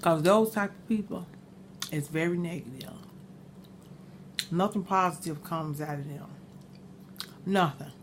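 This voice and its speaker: A woman's voice: low-pitched, measured pace, pauses often, noisy background. A middle-aged woman chatting casually and giving earnest advice while eating crunchy fried chicken in a mukbang. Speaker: mukbang host.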